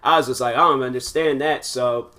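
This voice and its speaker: Bright-voiced young man rambling casually. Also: medium pitch, fairly even intonation, fairly quick. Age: 20s. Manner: rambling, full of "like" and restarts. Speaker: podcast host. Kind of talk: casual solo podcast monologue.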